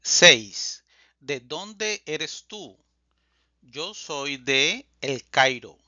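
Guy teaching a lesson super slow, repeats every phrase, dry close mic. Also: fairly high pitch, animated, pushed and bright, dry recording, lo-fi sound. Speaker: Spanish teacher. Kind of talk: slow scripted language lesson.

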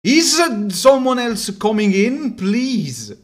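A young Italian streamer, headphones on and framed by a webcam, chats and jokes in a small room at home with a noticeable accent. His very high voice is slow and sing-song, and he frequently stumbles over what he's saying.

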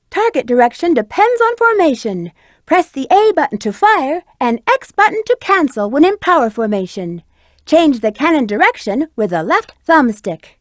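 A woman voicing a sultry, confident female bat treasure hunter in a video game, with crisp, coquettish, instructive delivery. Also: high-pitched, no room sound, clean studio sound. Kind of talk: video game voice acting, tutorial hints.

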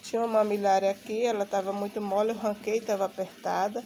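A woman's voice: medium pitch, flat delivery, fast talker, mellow, slight background noise. A Brazilian Portuguese-accented woman chats casually while showing things outdoors in a vlog, her voice affected by recovering from a bad flu. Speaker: gardening vlogger. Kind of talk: casual chatty show-and-tell. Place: outdoor home garden.

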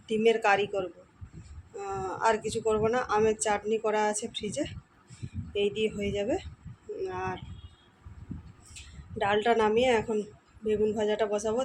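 A woman's voice: medium pitch, darkish tone, a little hiss or hum, poor audio. Woman chatting through her chores. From India. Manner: chatty running commentary on chores. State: hot and tired. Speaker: vlogger. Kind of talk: casual daily vlog chat. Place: home kitchen and rooms.

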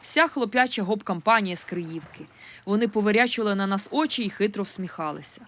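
A woman reading a first-person audiobook in an expressive, lively storytelling manner. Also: mid-range voice, brisk. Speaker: audiobook reader.

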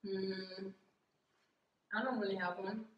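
A woman's voice: medium pitch, fairly even intonation, slow pace, lo-fi sound. A woman chatting casually during a mukbang, giving short mumbled replies with her mouth full while chewing. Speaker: co-host eating with her boyfriend. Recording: very echoey room.

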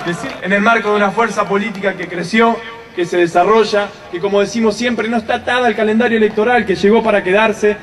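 A man in his thirties with an Argentine accent giving a rousing victory speech from an outdoor stage, stacking phrases in rhythmic lists. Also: high voice. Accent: Argentine Spanish. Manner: rousing, rhythmic listing, building to shouted thanks. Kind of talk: rally speech. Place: outdoor stage at a night rally. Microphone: stand mic, filmed from a distance. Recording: distant crowd-noise live rally recording. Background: cheering crowd.

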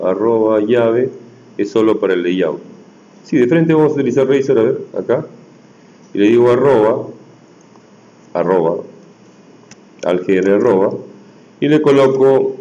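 A man teaching a programming class in a casual way, tossing in quick tag questions to check that his students follow. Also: on the low side, dark tone, highs cut off. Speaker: programming instructor. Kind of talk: live coding lesson. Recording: roomy echoey room.

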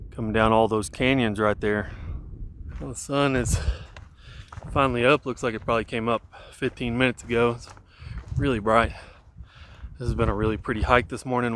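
With slight background noise around him, a man in his thirties, vlogging a hike, chats at normal speed in a medium-pitched voice. He's heading downhill on a mountain trail, camera at arm's length, loosely rambling and restarting sentences with plenty of fillers.

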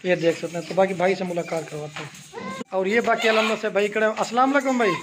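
A middle-aged goat farm owner with a Punjabi Pakistani accent hosts a casual sales video, chatting in a repetitive, promotional way. His voice is high-pitched with fairly even intonation, and loud farm noise fills the background.

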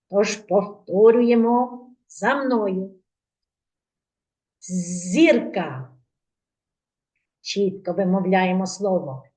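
Female kindergarten teacher, mid-range voice, unhurried and carefully enunciated, coaxing a class of small children to repeat words. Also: medium pitch, dark tone. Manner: slow, clearly articulated, prompting children to repeat words. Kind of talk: speech lesson for preschool children.

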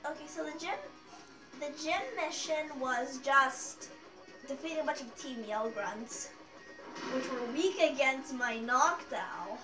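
Young girl co-hosting a let's-play, bubbly and excitable, recorded on a phone in a roomy space. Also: high voice, slow pace. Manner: giggly, excitable, reads game lines aloud. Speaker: co-host playing the game. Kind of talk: casual let's-play chat. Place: living room in front of a TV. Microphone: phone camera filming the TV. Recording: echoey room, game music loud behind.

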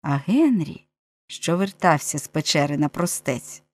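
A woman narrating an adventure audiobook with an expressive, varied reading. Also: low-pitched, measured pace, no echo.

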